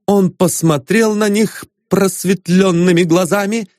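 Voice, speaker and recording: A man narrating an audiobook with a lively, expressive reading. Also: sits high, measured pace, dry recording, studio quality.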